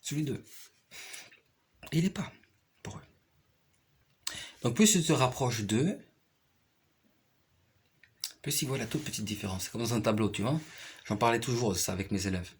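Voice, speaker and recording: A man's voice: lowish voice, husky. A man talking casually and at length in a rambling way, repeating phrases and often checking that his listener follows. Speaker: piano player and teacher. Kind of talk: casual personal conversation.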